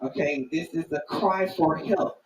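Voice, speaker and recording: A mature woman talks informally to her stream. She is earnest and halting, with emphatic stresses. The recording is echoey and a bit distant, with faint background noise. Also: low voice. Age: middle-aged or older. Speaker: live-stream host. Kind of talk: informal spoken commentary to viewers.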